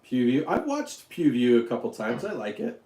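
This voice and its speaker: A man's voice: medium pitch, huge pitch swings, moderate pace, mellow, roomy sound, faint music behind. A man from Utah hosting a casual live stream, rambling, joking and answering questions from his chat. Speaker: YouTube livestream host.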